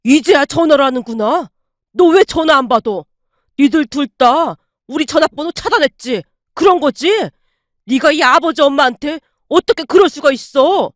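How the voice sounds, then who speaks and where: A woman playing a furious middle-aged ex-husband who shouts and accuses. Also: high-pitched, animated, a little fast, no room sound, studio quality. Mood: shouting.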